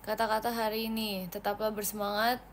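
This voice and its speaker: A young woman chats playfully on a phone livestream, reading out fan comments and giggling between replies. Her voice sits at a middle pitch. A faint hiss hangs behind her. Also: flat delivery, a little fast. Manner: chatty, playful, giggly, reads comments aloud. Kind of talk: casual livestream chat.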